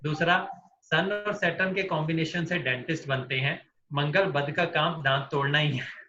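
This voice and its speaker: A man's voice: a little high, moderate pace, reverberant, lo-fi sound, noisy background. A man teaching an online astrology class in Hindi-speaking style, explaining through everyday examples. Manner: explains with everyday examples, acts out quoted people.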